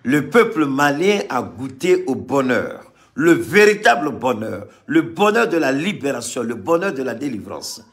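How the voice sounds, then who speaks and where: This Malian man gives heated political commentary to an audience in the room, echoing key phrases and alternating loud and quiet stretches. His mid-range voice has a sing-song lilt and a slightly slow pace.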